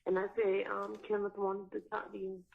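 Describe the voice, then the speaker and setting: A woman talking casually and haltingly over a recorded payphone call from a jail. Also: medium pitch, completely flat delivery, creaky. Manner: halting, restarts often, mumbled. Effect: heard over a jail payphone call. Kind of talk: casual phone chat. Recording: tinny phone line with faint hiss and clicks.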